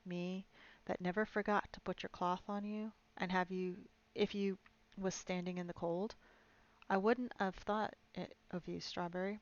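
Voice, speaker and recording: A woman's voice: lowish voice, fairly even intonation, unhurried, lo-fi sound, lightly acted. A woman voicing a kindly, plain-spoken male cab driver who talks bluntly and drops his g's. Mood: folksy.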